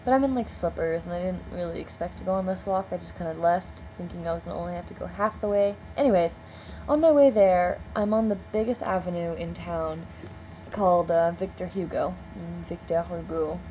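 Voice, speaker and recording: In a rambling, casual storytelling vlog, a young woman from the United States talks fairly quickly in a mellow, fairly low voice. The audio is poor with slight background noise, and "like" and "um" crop up constantly.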